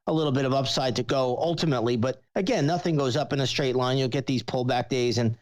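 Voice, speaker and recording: Speaking quickly at a medium pitch, this man appears on a show as a regular market analyst guest. He offers explanatory commentary in a conversational way.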